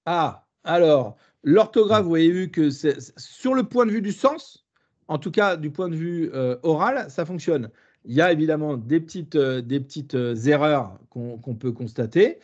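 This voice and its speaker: A man's voice: fairly high pitch, expressive, normal speed, highs cut off. A man with a southern French accent leading a live webinar demonstration as trainer, hesitant with many fillers and restarts.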